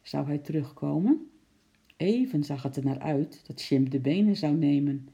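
A narrator reading a children's story aloud in a calm, even manner. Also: mid-range voice, normal speed, creaky, muffled recording. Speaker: audiobook narrator.

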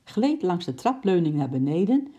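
A woman reading a children's story aloud in a lively, expressive narration. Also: on the low side, moderate pace.

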